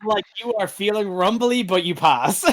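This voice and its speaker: A man narrating as game master of a tabletop game, relaxed and laughing. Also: high voice, measured pace, heavy background noise.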